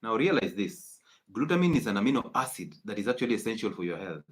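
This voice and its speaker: A man's voice: on the low side, very animated, quick pace. A man giving a live-streamed health lecture, emphatic and preachy, repeating his key points. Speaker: health educator.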